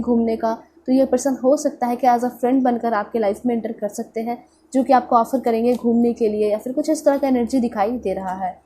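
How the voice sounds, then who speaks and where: A woman's voice: a little high, warm tone, slight background noise. A woman with an Indian accent and a congested, pinched-nose nasal voice from a cold, giving an informal tarot reading and mixing in English words. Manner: mixes in English words, repeats check-in phrases. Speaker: tarot reader.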